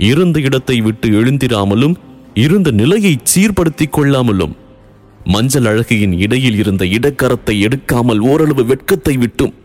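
A man narrating a story in a steady, formal literary reading. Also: mid-range voice.

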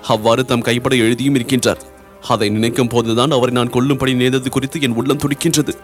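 A man's voice: medium pitch, flat delivery, quick pace, soft background music, close to an everyday voice. A man voicing a grieving young noblewoman who pleads through sobs. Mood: pleading. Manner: sobbing, imploring.

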